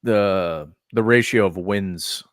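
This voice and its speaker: In studio-quality audio with no room sound, a Texan podcast host speaks slowly in a voice that sits low. He rambles through a casual conversation about wrestling and gaming, full of fillers and restarts.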